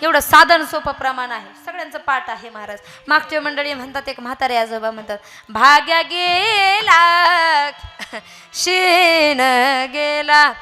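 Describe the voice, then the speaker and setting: Woman, kirtan preacher, devotional sermon, very high pitch, soft music behind. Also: quick pace, hardly any pauses. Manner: storytelling with rising emphatic repetitions.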